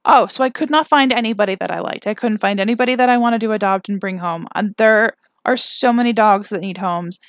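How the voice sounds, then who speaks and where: A woman's voice: medium pitch, a little fast, few pauses, dry recording. Young woman podcast host, chatty and self-deprecating, mid-range voice, dry recording. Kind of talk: personal storytelling. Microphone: camera mic.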